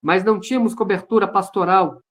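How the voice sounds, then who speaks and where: A Brazilian pastor tells his testimony over a video call in a fairly high voice. He speaks earnestly and circles back on key words for emphasis. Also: fairly even intonation, a little fast, a bit bright. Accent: Brazilian Portuguese. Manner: earnest storyteller who repeats phrases for emphasis. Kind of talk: personal testimony in an online service.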